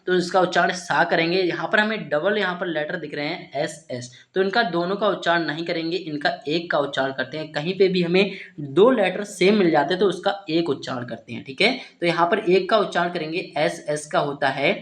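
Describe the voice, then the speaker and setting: A man's voice: on the high side, brisk, a bit bright. Man teaching spelling, echoey room. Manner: repeats ठीक है, asks and answers himself. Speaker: English tutor. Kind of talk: spelling lesson for beginners. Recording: roomy echo.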